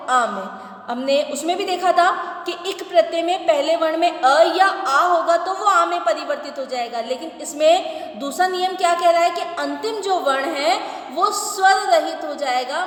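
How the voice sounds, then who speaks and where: A woman teacher giving a grammar lesson. She explains step by step and keeps asking whether the class has understood. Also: high voice. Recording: echoey room with long reverb.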